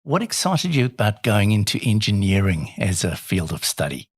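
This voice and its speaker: A man's voice: lowish voice, big pitch swings, normal speed, breathy edge. A man hosting a podcast, asking short, friendly questions. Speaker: podcast host. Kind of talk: interview hosting.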